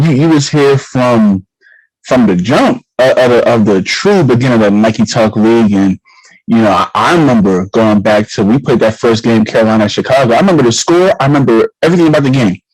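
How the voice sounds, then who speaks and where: Male league show host, lively swooping delivery, dry close sound, slangy and repetitive. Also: medium pitch, no echo, low-quality recording. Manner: animated, repeats words, slangy. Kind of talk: casual hype talk show.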